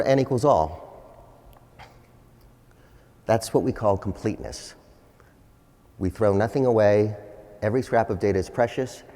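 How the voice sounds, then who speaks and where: A man delivering a corporate keynote with polished, enthusiastic executive delivery and emphatic, rhetorical pauses. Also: fairly low pitch, warm tone. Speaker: chief executive giving a keynote. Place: large indoor hall, on stage. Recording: large hall with long reverb.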